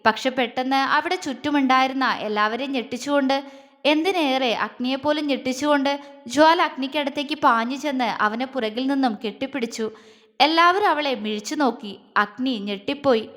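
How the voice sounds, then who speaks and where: High-voiced woman storyteller with reverb. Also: normal speed, fairly bright tone. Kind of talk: scripted story narration.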